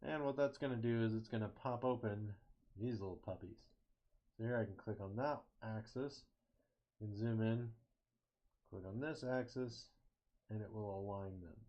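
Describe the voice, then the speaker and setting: A man's voice: on the low side, normal speed, long pauses. A young man casually talking through a CAD design on screen, thinking aloud, correcting himself and cracking small jokes. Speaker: engineering student. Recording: slightly muffled lo-fi mic.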